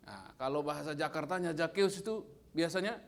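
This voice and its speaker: A man in his fifties giving a lively sermon as guest speaker, quizzing the audience with playful questions. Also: on the high side, fairly quick.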